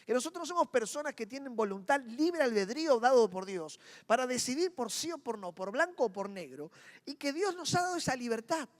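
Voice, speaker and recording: Rioplatense pastor preaching in a reverberant hall. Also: male voice, extremely high pitch. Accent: Rioplatense Spanish. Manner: dramatic, acts out inner voices and swings between soft and loud. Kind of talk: sermon.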